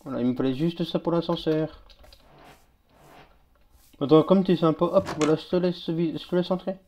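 A man's voice: fairly high pitch, normal speed. A man streaming a game live, chatting casually with other players as he plays. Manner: relaxed, chatty, talks to other players and chat. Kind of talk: casual live-stream chat while playing.

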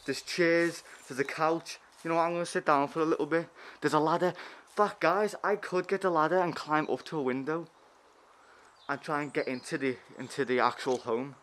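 A young man filming himself while exploring abandoned buildings, excitedly talking to his viewers with the camera held at arm's length. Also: fairly high pitch, normal speed. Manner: excited, keeps addressing viewers as guys. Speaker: urban explorer vlogger. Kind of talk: handheld exploring vlog. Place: outdoors around derelict buildings and a garage.

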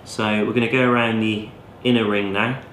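A man in his thirties, a channel host, talking in a relaxed, practical way as he demonstrates a craft in a cluttered indoor workshop, picked up by a camera mic at a distance. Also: fairly low pitch, moderate pace. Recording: echoey workshop with background noise.

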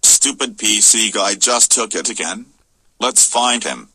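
A man's voice: on the low side, unhurried, pushed and bright, slightly rough, dry recording. A man voicing a grumpy, impatient cartoon character in a homemade cartoon.

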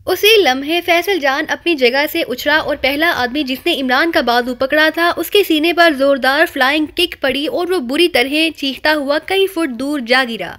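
A woman narrating a spy novel audiobook in a steady storytelling delivery. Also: high-pitched, hardly any pauses.

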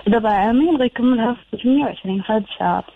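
A woman's voice: on the high side, racing, vocal fry, a little hiss or hum. A Moroccan woman in her twenties calling a radio show by phone, talking eagerly and politely. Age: 20s. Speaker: caller. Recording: tinny phone line.

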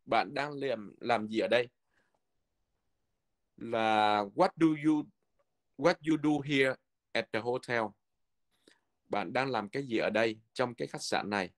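A man teaching a language lesson from a textbook, patiently repeating words slowly so learners can follow. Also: mid-range voice.

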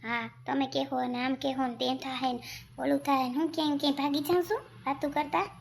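A woman's voice: high voice, fairly even intonation, gravelly, a little hiss or hum. A woman plays a fed-up village wife in a comedy sketch, scolding and nagging her husband. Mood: angry. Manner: scolding, nagging, rapid complaints. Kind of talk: comic village sketch acting.

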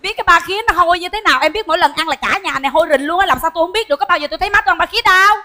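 A sharp-tongued bossy performer. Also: female voice, very high voice. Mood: scolding banter. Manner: rapid, teasing, exclamatory, bickering. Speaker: comedic lead. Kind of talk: stage comedy sketch.

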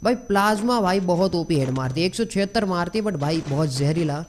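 A man from India giving excitable gameplay commentary as a gaming YouTuber, mixing English slang into his talk. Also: high-pitched, fairly quick, a little hiss or hum. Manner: excitable, mixes English slang into Hindi, frequent exclamations.

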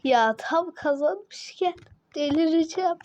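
A woman commentating her own gameplay in a let's play video, exclaiming at each move and venting her frustration out loud. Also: very high-pitched, a little slow, lo-fi sound. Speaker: gaming video host.

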